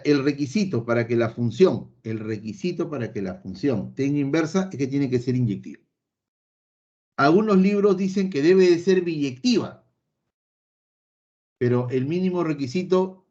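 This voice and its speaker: A man's voice: mid-range voice, dark tone. A man teaching a math lesson, repeating key points emphatically and speaking straight to his students. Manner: playfully voices an imagined student answering him; repetitive, emphatic, addresses students directly. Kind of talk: recorded online math lesson. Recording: slightly dull lo-fi recording.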